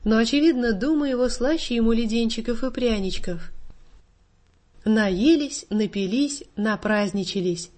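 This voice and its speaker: Brief: a woman with a slightly high voice, reading a story aloud in a measured way. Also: darkish tone. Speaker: narrator.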